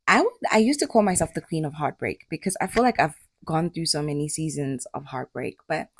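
A young woman hosting a faith podcast and talking casually in a groggy morning voice, chatty and animated, laughing now and then. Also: low voice, breathy edge, no echo, studio quality. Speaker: podcast host.

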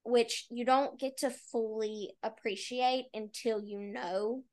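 Woman, casual book-podcast co-host, chatty, frequent "like" fillers, slightly high voice. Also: fairly even intonation, slow pace, darkish tone.

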